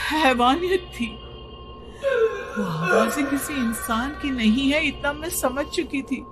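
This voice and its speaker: A woman narrating a first-person horror story for a cartoon in a hushed, suspenseful manner. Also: on the high side.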